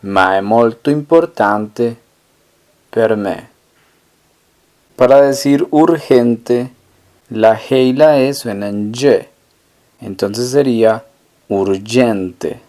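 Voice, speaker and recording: A man guides a language lesson at a slow, deliberate pace, posing short phrases and then repeating each answer twice. His voice sits at an ordinary middle pitch. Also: a little mellow. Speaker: language teacher.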